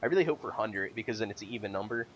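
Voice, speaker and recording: A man's voice: fairly low pitch, lively intonation, very fast, dull audio, slight background noise. A man co-hosting a casual gaming podcast, rambling and hesitant with lots of fillers. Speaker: podcast co-host.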